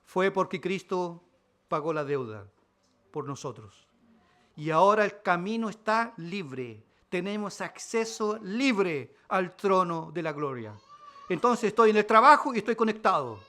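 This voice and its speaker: A pastor with a Chilean Spanish accent delivers a sermon in a high, expressive voice, unhurried in pace. He swings between loud declarations and quiet asides.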